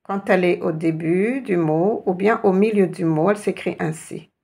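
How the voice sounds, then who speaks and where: A woman teaching letters in a slow, patient reading lesson, repeating each sound and asking the viewer questions. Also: fairly low pitch, gravelly, warm tone, husky. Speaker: Arabic teacher.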